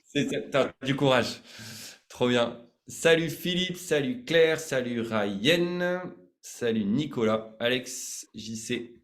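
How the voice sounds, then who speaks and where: A man's voice: medium pitch, lively intonation, extremely slow, echoey room. A man hosting a live online sales training, chatty and informal, hesitating often with fillers.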